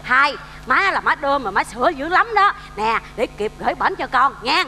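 A woman's voice: sits high, very animated, normal speed. A woman with a Southern Vietnamese accent playing a forgetful, fussy old mother in a stage comedy sketch, talking in a flustered, scatterbrained and doting way. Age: older. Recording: reverberant stage with faint music.

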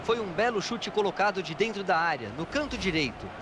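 A man's voice: high voice, big pitch swings, brisk. A man with a Brazilian accent voicing a football co-commentator who gives analysis in a video game. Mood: analytical. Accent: Brazilian Portuguese. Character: male TV football pundit beside the announcer. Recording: loud stadium noise behind. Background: loud stadium crowd ambience.

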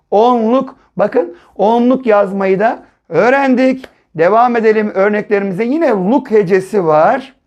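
A male primary school teacher giving a first-grade reading lesson, sounding out syllables slowly and asking the children questions. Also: sits high, a little mellow. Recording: dull lo-fi recording.

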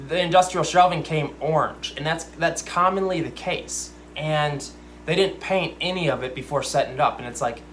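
Reading viewer comments in a casual livestream, a young man who runs an aquarium channel rambles into self-aware rants. He has a mid-range, slightly bright voice, recorded at close range by a desk camera in an indoor room of lit aquariums, with slight background noise.

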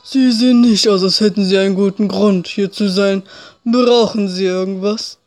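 A woman's voice: medium pitch, fairly even intonation, moderate pace, a little mellow, faint music behind, pitched below the performer's own voice, close to an everyday voice. A cool, creepy male bird doctor from a visual novel game, read by a woman. He is formally polite and curt. A faint menace sits under every phrase. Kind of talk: video game character voice in a let's play.

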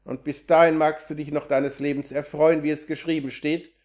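Harsh scolding sorcerer, male, scheming, read by a man, higher voice. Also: little pitch movement, normal speed, darkish tone, close to an everyday voice. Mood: coldly threatening.

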